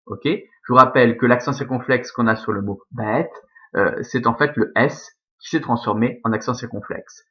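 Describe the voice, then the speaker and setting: A man's voice: mid-range voice, moderate pace, dull audio. A man teaching a Latin grammar lesson, explaining patiently step by step and checking in with his students.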